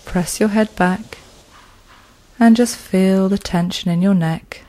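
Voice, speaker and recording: A woman leading a guided progressive muscle relaxation, speaking in a slow, soothing manner with long pauses. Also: mid-range voice, steady tone, dark tone, rough recording.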